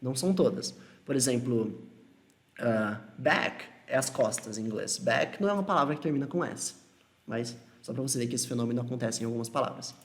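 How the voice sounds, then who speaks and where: A young man with a Brazilian Portuguese accent teaching English live, answering viewers and slowing down to model each phrase. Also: medium pitch, animated. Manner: patient, explanatory, slows to model English phrases.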